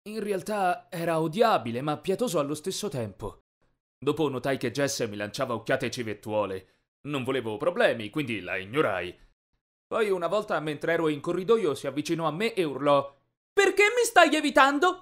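Man, animated first-person story narrator, higher voice, lively dramatic swings. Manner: expressive, dramatic.

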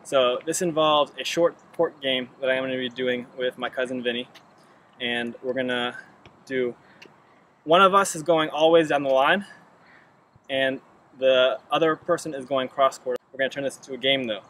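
A man coaching a tennis drill outdoors, talking casually and getting excitable between points. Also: medium pitch, moderate pace. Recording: outdoor court with loud street noise.

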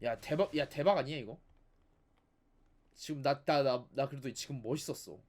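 A man's voice: medium pitch, normal speed, a little mellow. A man giving casual, sarcastic commentary as he plays a game, nagging and talking back at the characters. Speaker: gaming video host.

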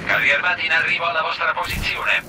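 A man's voice: on the high side, level tone, fast talker, over loud music. A man voicing a male military control-station operator who gives clipped, commanding orders over a radio transmission in a video game. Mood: urgent. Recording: distant voice under loud game noise.

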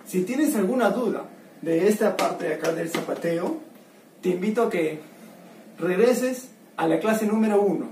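A man's voice: high voice, expressive, moderate pace, noisy background. A man from Peru teaching a recorded dance lesson, counting and calling out step rhythms and encouraging his students. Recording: roomy, from far off the mic, with music. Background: music playing.

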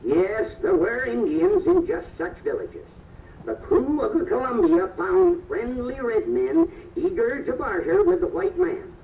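A man's voice: extremely high pitch, wildly swooping pitch, measured pace, gravelly, a little hiss or hum. A man giving scripted historical narration as the ride narrator, in a stately storybook delivery, played back over a PA. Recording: distant roomy lo-fi PA playback.

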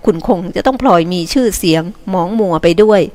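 A woman voicing a remorseful young man who speaks quietly and sorrowfully. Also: mid-range voice, expressive, fairly quick, close to an everyday voice.

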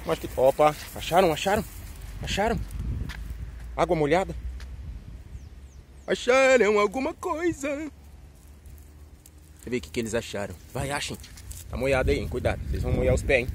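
A man's voice: mid-range voice, lively intonation, fast talker, pauses often, a little hiss or hum. A man with a Brazilian Portuguese accent, walking his dogs outdoors and talking to them in a chatty, coaxing way. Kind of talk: casual talk to pets on a walk. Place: outdoors on a street walk.

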